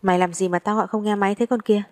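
A woman's voice: medium pitch, fairly even intonation, rapid-fire, a little mellow, close to an everyday voice. A woman voicing a blunt, impatient, foul-mouthed young woman who scolds her friend like an older sister in a story reading. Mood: scolding.

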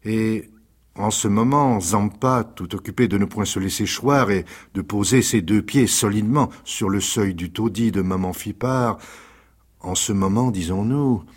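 Husky low man reading a dark tale. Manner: measured, dramatic storytelling. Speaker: reader. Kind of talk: scripted dramatic narration.

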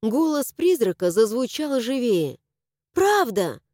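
A woman narrating a first-person audiobook in a lively, expressive way, close to the mic. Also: medium pitch, normal speed, no echo.

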